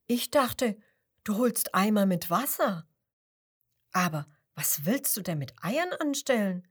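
A woman's voice: medium pitch, big pitch swings, takes it slowly, breathy edge, heavily acted. Puzzled brown horse, voiced by a woman, questioning, children's storybook.

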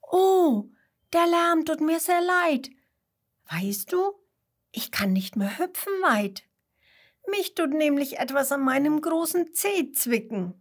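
A woman's voice: high-pitched, sing-song, slow pace, pitched above the performer's own voice, full character voice. A woman voicing a cheerful, clumsy kangaroo in a children's story, speaking in a playful, sing-song way. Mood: apologetic. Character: cheerful, clumsy female kangaroo, noisy but kind.

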